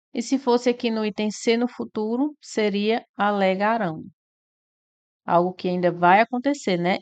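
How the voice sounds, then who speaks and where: A woman with a medium-pitched voice teaches an exam-prep lesson, working through each answer step by step and frequently adding tag questions.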